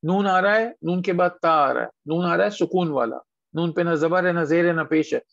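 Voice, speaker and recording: High gravelly-voiced male tajweed teacher, patient, dull lo-fi call sound. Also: a bit bright, no echo. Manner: patient, asks students questions, drawn-out model words. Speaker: Quran recitation teacher. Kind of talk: online tajweed class. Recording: dull lo-fi online call audio.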